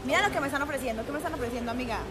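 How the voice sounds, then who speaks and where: Over a noisy crowd, a young adult woman from Antioquia, Colombia, speaks in a high-pitched, racing paisa accent. She chats playfully into a phone held at arm's length for a casual selfie vlog, first outdoors at a beach and later at a club.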